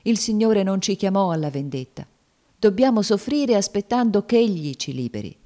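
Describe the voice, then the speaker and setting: Woman reading as Uncle Tom, devout and gentle. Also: lowish voice, unhurried, voice pushed up, close to an everyday voice. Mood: firm, imploring. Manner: earnest, solemn pleading. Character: devout gentle older man, steadfast.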